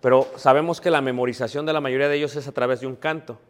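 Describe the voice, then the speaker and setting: Male preacher, middle-of-the-road pitch, reverberant church sound, rhetorical questions, addresses listeners as brothers. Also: fairly even intonation, fast talker. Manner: asks the congregation rhetorical questions and answers them; keeps calling his listeners brothers. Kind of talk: sermon.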